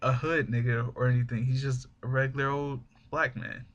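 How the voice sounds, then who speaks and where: A young man hosting a casual podcast, telling stories in an animated way and acting out the quotes. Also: mid-range voice, a little fast, muffled recording, a little hiss or hum. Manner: storytelling, animated, acts out quotes. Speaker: podcast host.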